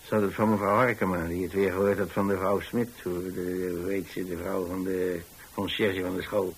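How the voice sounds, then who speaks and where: This radio-play narrator is an actor voicing a rambling old pensioner who rents rooms to lodgers, speaking in a low, flat, everyday-sounding voice at a moderate pace. The recording is rough, with slight background noise, and his reflective tale comes out hesitant, repetitive and folksy.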